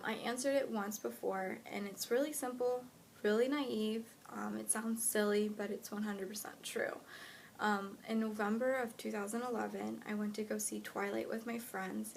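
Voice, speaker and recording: A young American woman with a medium-pitched, even voice introduces herself to her fitness followers, casually answering their questions in a vlog. She's from the United States but lived in Honduras when she was younger. The recording has clear, steady background noise.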